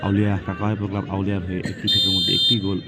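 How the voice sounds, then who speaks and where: A man's voice: low voice, flat delivery, racing. A man giving live football commentary on a penalty shootout, announcing each kick in short, repeated phrases. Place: outdoor football ground. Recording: loud outdoor crowd and ambient noise.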